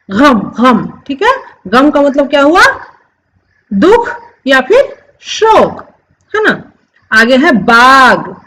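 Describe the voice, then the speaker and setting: A woman gives a Hindi lesson at an unhurried pace. She repeats every word several times and keeps asking her viewers questions. Her somewhat high voice rises and falls widely as she explains. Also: bright, forceful tone, low-quality recording. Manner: explains slowly, repeats words over and over; addresses viewers as friends, asks questions. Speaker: Hindi teacher. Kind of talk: classroom-style lesson.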